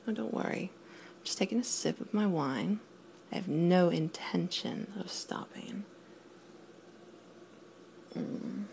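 A woman in an intimate audio roleplay, speaking in a commanding, teasing way, often dropping to a whisper, and counting down slowly. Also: on the low side, creaky, a little mellow, a little hiss or hum. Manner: slow counting down.

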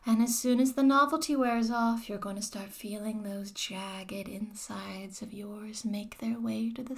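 Speaking in a mid-range voice, a woman whispers in character as a former dominatrix, addressing the listener in a slow, teasing, mocking way that asserts control.

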